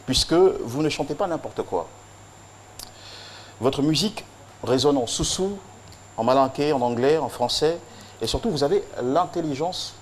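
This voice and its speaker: Guy reading out a big tribute, solemn and rhythmic, bit of hiss behind. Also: medium pitch. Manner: solemn, rhythmic, with emphatic repetition. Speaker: tribute presenter. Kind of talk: declamatory tribute speech.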